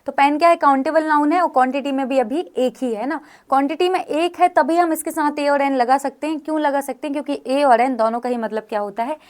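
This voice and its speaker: A woman's voice: high voice, fast talker, hardly any pauses. A woman teaching a grammar lesson, explaining rules step by step and often checking in with her students. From India. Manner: frequent check-in questions to students.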